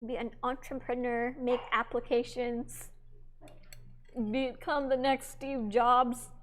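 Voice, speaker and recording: Chatty young woman, slightly high voice. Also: flat delivery, takes it slowly, slight background noise. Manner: chatty and rambling, with frequent fillers. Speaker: livestreamer. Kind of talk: casual chat with viewers while cooking. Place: home kitchen.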